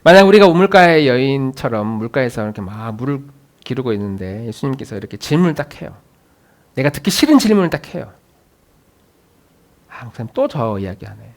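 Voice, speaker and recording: A man, a pastor, preaching a sermon, swinging between loud, urging lines and soft, musing asides. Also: medium pitch, very animated, fast talker. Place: church sanctuary.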